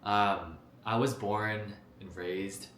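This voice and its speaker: Young guy from jersey just yapping to the camera, low voice, um and like everywhere, kinda echoey room. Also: fairly even intonation, very slow, fairly bright tone, a little hiss or hum. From New Jersey, United States. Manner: rambling, lots of "like" and "um", restarts. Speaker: vlogger. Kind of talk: casual talk to camera about his life. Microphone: camera mic.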